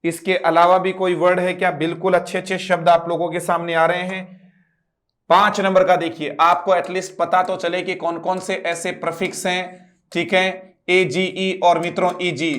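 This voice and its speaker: Man, high voice, even and flat delivery, spells words out, quizzes students. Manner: repeats words and quizzes listeners with rhetorical questions. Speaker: English teacher. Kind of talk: online class lecture.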